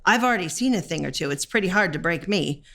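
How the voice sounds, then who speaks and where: A woman's voice: on the low side, lively intonation, quick pace, sharp tone, exaggerated voice. A firm, unbreakable woman of forty-nine. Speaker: actor. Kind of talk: documentary theatre testimony.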